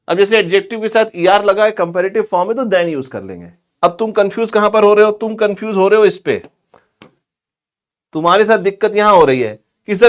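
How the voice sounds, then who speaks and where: A man teaching English grammar in a chatty, scolding classroom lecture. He drags out example words slowly. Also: sits high. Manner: chatty and scolding, calls students "bhai" and "pagle".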